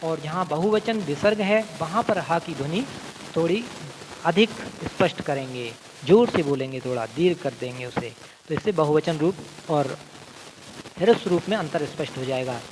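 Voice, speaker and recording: A man teaching a recorded Sanskrit grammar lesson, reciting word forms slowly and deliberately. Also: on the high side, expressive. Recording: long reverb, faint room noise.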